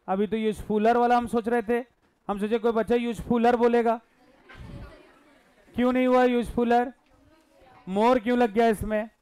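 A man's voice: extremely high pitch, a little mellow, smooth, no room sound. A male teacher giving a live classroom lesson, questioning and coaxing his students while mixing Hindi and English.

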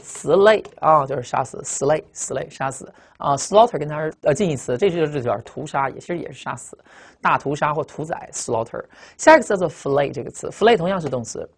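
A vocabulary teacher, delivering a recorded lecture at a rapid clip. The speech is emphatic and punchy, with drawn-out particles closing many phrases. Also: mid-range voice, expressive, husky.

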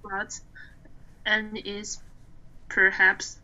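Female student, reads very slowly in a flat voice, stumbles and repeats words, muffled call audio. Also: medium pitch. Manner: halting, repeats words while sounding them out. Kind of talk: reading aloud in class. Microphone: video call.

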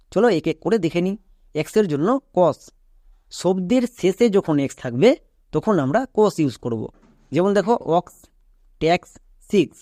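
A man teaching English pronunciation, explaining rules step by step and checking with quick questions. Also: sits high, darkish tone, dry recording, studio quality. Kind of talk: explanatory lesson, addressing viewers directly.

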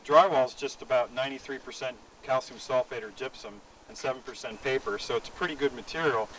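A man's voice: mid-range voice, fairly quick, fairly bright tone. Middle-aged man interviewing a guest outdoors, a bit far from the mic, faint hiss. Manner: friendly, inquisitive. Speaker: interviewer, technical director. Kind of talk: on-site interview. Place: outdoors at a recycling yard.

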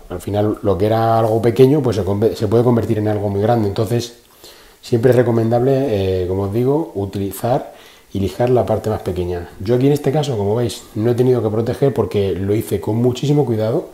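A chatty man who hosts a car channel talks through a casual how-to, using plenty of fillers and repeating himself. His fairly low, mellow voice sounds reverberant, recorded on a phone held in one hand inside a garage.

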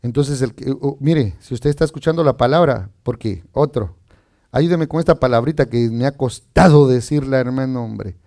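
A man's voice: medium pitch, moderate pace, dark tone. A man preaching as pastor, reading scripture and asking the congregation questions in a chatty, conversational way. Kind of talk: sermon.

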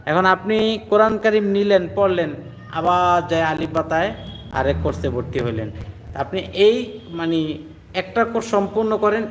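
A man leads a Quran reading lesson, his voice sitting a little high. He talks patiently and repeats each Arabic letter sound slowly for his students. Faint background noise sits under the recording. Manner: patient, repetitive, drills letter sounds aloud. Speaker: Quran teacher. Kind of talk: online Quran reading class.

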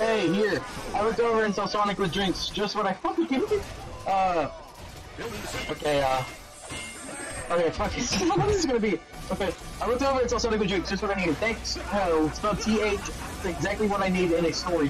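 A man with a voice that sits high gives a mocking dramatic reading of fan fiction, halting and stumbling over words while tossing in casual, sweary asides. The audio is poor.

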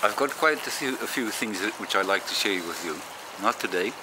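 A man's voice: on the low side, animated, fairly quick. A man in a casual review video, speaking with a pipe in his mouth, rambling and hesitant with many fillers. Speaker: pipe tobacco reviewer, pastor. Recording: noisy background.

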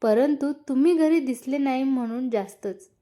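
Narrator lady doing a timid young wife, nervous and hesitant, high soft voice. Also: normal speed, lightly acted.

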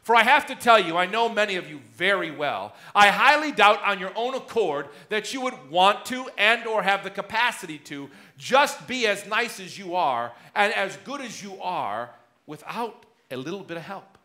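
A high, bright-toned man in his thirties preaches before the altar of a church sanctuary. His voice sits high for a man and rings with a forceful edge. He swings between loud emphasis and quiet drops as he gestures. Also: animated, moderate pace. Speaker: pastor. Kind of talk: sermon.

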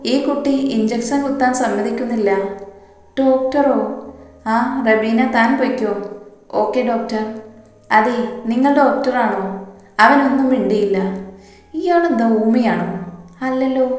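A woman's voice: fairly high pitch, darkish tone. A woman narrating a romantic story and reading every character's lines in her own voice. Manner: reads all parts in her own voice. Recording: echoey room with long reverb.

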